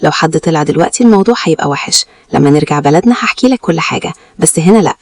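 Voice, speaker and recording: Woman reading egyptian man, careful and calm, fast dry storybook voice. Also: low voice, no room sound. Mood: soothing. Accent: Egyptian Arabic. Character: adult man, calm, cautious family friend.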